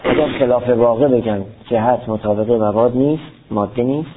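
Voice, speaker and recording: A man's voice: mid-range voice, background noise. A man giving a lecture that reads aloud a classical Arabic text and explains it line by line. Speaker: teacher of theology and logic. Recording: tinny phone-like recording.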